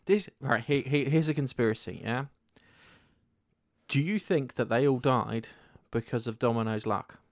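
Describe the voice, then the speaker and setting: A man co-hosting a casual film chat, relaxed and swearing casually. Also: medium pitch, a little slow, dry recording, studio quality. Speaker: podcast co-host.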